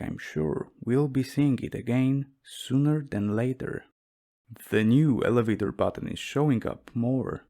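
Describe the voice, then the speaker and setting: A man's voice: medium pitch, vocal fry, darkish tone. A man reading a horror story aloud as a narrator, with a dry, wry storytelling delivery.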